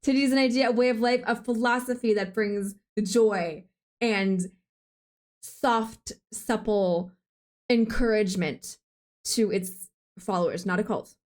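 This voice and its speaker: A young woman streaming live, chatting playfully and quickly as she answers her chat. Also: fairly high pitch, a little mellow. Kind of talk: casual live-stream chat, reading chat aloud.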